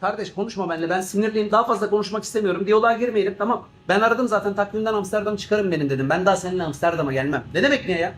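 A fed-up airline captain, played by a man, rattles off his complaints at a quick clip in a fairly high voice. He swings between swearing rants and mock-formal cabin announcements, with a faint rumble underneath. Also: fairly even intonation, natural voice. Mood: ranting. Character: exasperated male airline captain, always flown to Africa. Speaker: comedian doing a character. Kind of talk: comic monologue sketch.

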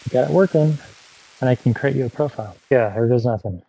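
A man's voice: mid-range voice, a little fast, creaky, warm tone, slightly rough, rough recording. A man chatting casually through a gadget review vlog, rambling with asides as he tries out devices.

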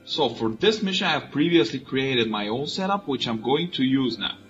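A man from Bulgaria, a native Bulgarian speaker, talks through his strategy moves in a calm, methodical way. His voice sits at an ordinary middle pitch. Faint music plays behind him. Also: moderate pace, highs cut off. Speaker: player. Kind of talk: let's play commentary.

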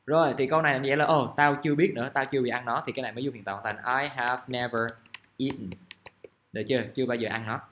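Man, English teacher, casual classroom explaining, slow example sentences. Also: mid-range voice, fairly even intonation, fairly bright tone. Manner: chatty, reads example sentences slowly. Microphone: recording device at his desk.

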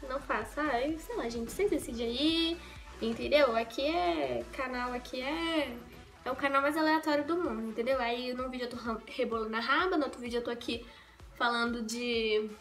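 Soft music plays behind a young woman from Brazil who chats through a relaxed get-ready-with-me vlog while doing her makeup in her bedroom. She speaks at a moderate pace in a high, fairly bright voice, cracking jokes, wandering off topic and fixing her own words.

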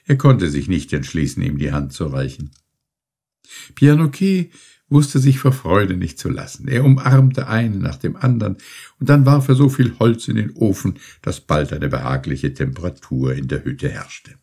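A man narrating an audiobook in a scripted, expressive storytelling style. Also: low-pitched, normal speed, slightly rough.

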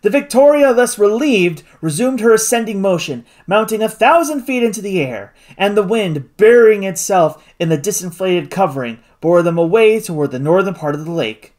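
Expressive audiobook narrator. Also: mid-range voice, moderate pace, few pauses. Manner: expressive reading.

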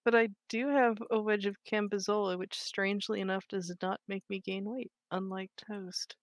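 A woman's voice: medium pitch, steady tone, normal speed, no echo. Chatty young woman, dry close sound. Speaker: co-host of a gaming channel. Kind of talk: casual chat while playing a game.

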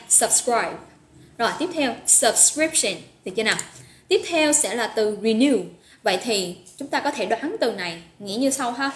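A woman teaching an English vocabulary lesson live online, upbeat, praising students by name and drilling pronunciation. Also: a little high. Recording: echoey room with faint noise.

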